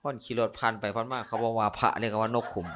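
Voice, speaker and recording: Over a noisy background, a Buddhist monk with an Isan accent from Northeastern Thailand speaks quickly at medium pitch with a level tone. His Dharma sermon is humorous, full of jokes, stories and playful asides to listeners.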